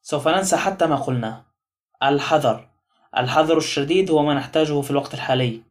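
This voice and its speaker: A man's voice: a little high, fast, close to an everyday voice. A man reading the part of a small, fussy, confident male detective in an audiobook, in a coaxing, theatrical manner. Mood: sly, coaxing.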